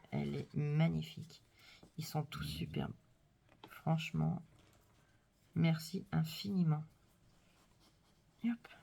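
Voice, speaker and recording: A woman vlogger chatting casually and gushing softly as she unboxes crafts, sometimes dropping to a whisper. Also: deep voice, gravelly, slightly rough. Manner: gushing, soft-spoken, drops to whispers. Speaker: scrapbooking vlogger.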